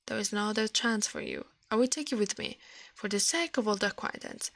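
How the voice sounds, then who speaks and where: In an ASMR storybook reading, a woman voices a man's shadow that has come alive, a smug, condescending, self-important master who sounds pompous throughout. Her mid-range voice is brisk and fairly bright, with no echo.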